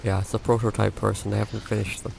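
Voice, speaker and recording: Sleepy gravelly-voiced man streaming. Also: on the low side, flat delivery, quick pace. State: sleepy and tired. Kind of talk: casual gaming stream chat. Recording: noticeable background noise.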